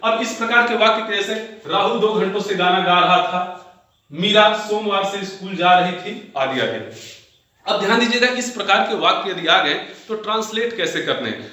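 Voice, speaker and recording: A man's voice: high-pitched, normal speed, sharp tone. A man teaching a grammar lesson to viewers, explaining step by step and repeating his examples. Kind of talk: Hindi-medium grammar lesson. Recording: very echoey room.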